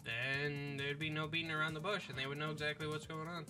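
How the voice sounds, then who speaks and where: A man's voice: on the high side, flat delivery, fast, bright, forceful tone, soft background music. A man being interviewed as a guest on a casual radio show, giving short, matter-of-fact answers. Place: radio studio.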